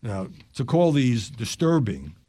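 An older man hosting a news podcast, reading stories aloud and dropping his voice low for quick asides. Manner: animated delivery, drops low for asides.

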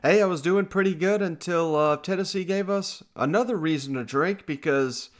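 Higher-voiced man hosting a sports podcast. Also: moderate pace. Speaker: podcast host. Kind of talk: casual sports talk.

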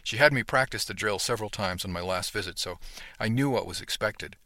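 Low, bright-toned male narrator. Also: a little fast, dry recording, studio quality. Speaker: audiobook narrator. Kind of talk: first-person audiobook narration.

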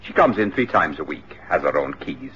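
A man's voice: rumbling low, very animated, moderate pace, fairly bright tone, husky, heavily acted. An actor playing an anxious grown son who grows flustered and protests when he is questioned. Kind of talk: radio drama acting. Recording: muffled radio drama recording.

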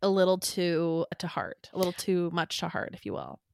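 A woman's voice: fairly low pitch, very animated, normal speed, vocal fry, clean tone, dry recording. A woman co-hosting a podcast, bantering and teasing her co-host with dry remarks. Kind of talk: casual podcast chat.

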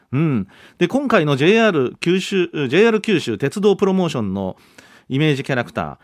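Man in his fifties, radio host; animated, swooping delivery, dry close studio sound. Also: mid-range voice, no echo. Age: 50s. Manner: chatty, polite and rambling. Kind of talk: casual radio chat reading listener mail.

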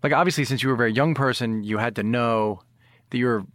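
A man's voice: mid-range voice, fast talker, a bit bright, no echo, clean studio sound. A man interviewing in a casual, emphatic way, often repeating words and restarting his phrases as he cuts in. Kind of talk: casual conversational interview about writing.

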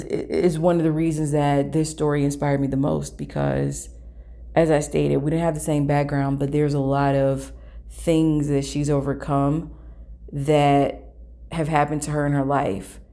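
Low, gravelly-voiced woman reflecting slowly. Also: dark tone. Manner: earnest, thoughtful, speaks to listeners directly. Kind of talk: reflective personal talk.

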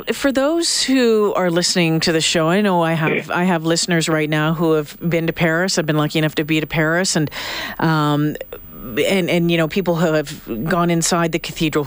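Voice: medium pitch, clear, resonant tone, no room sound. A radio host conducting a live interview in a solemn, sympathetic manner, often restarting questions.

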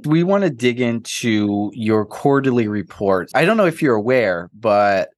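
A man's voice: mid-range voice, expressive, unhurried, no room sound. A man co-hosting an interview podcast, asking questions in a casual, friendly way. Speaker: podcast co-host.

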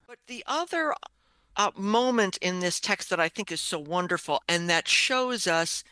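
Bright, animated woman professor. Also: lowish voice, clear, resonant tone, no room sound. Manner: animated, admiring, slows for emphasis. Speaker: professor of English literature, guest. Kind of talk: enthusiastic literary analysis.

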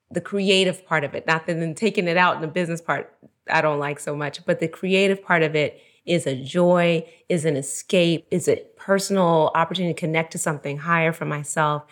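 A woman's voice: deep voice, moderate pace. A woman hosting a podcast, talking in a grateful and openly appreciative way. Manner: warm, grateful, laughs often. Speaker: podcast host. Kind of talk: podcast conversation.

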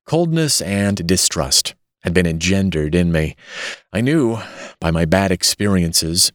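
A man narrating a first-person classic story aloud in a measured, deliberate way. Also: sits low, lively intonation, no echo, clean studio sound. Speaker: audiobook narrator.

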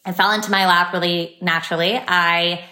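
A lowish, sharp-toned voice, steady and fairly quick, belongs to a San Francisco startup founder in her thirties. As a podcast guest she tells her story in a bubbly, chatty manner full of fillers, recorded in an echoey room.

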